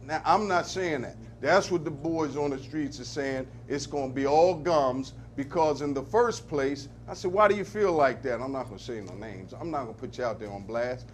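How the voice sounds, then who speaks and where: A man offers preacher-style commentary on local affairs, his emphatic call-and-response cadence surging to loud peaks. He has a mid-range voice and a moderate pace with few pauses, and there's a little hiss or hum in the audio.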